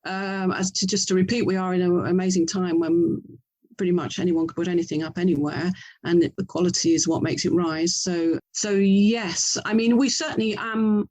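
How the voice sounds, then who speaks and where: An English author and audio drama producer, interviewed as a guest, speaks effusively and enthusiastically in a conversational way. Her voice is on the low side and darkish, with fairly even intonation at normal speed, and the recording quality is low.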